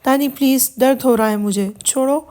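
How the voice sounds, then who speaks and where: A timid young woman pleads with fear in her voice, read by a woman narrator. It is a high, plain storybook voice. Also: a little mellow, close to an everyday voice. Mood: pleading. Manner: pleading, fearful.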